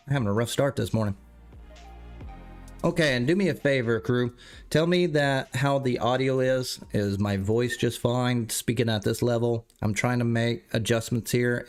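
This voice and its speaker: A man streaming a game live, stuffed up and clearing his throat, rambling and correcting himself as he chats with viewers. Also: mid-range voice. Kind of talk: casual livestream commentary.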